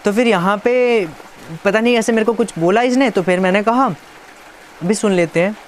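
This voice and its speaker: A man's voice: high voice, normal speed, slight background noise. A man casually reading out a chat and adding teasing, playful comments as a YouTuber. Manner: playful, teasing, reads chat lines aloud.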